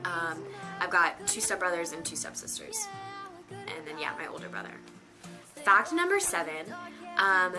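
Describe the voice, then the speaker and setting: Young woman, nineteen, lower voice; rambling casual vlog chat from her bedroom with background music. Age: teens. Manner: chatty, rambling with many fillers. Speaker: vlogger. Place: her bedroom on a rainy day.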